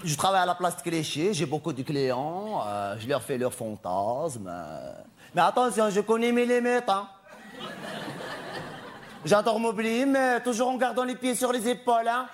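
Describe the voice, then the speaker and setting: A man's voice: sits high, very animated, unhurried, noisy background. A man performing a stand-up monologue as a vain, chatty, flamboyant male cabaret performer who snaps at hecklers. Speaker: comedian.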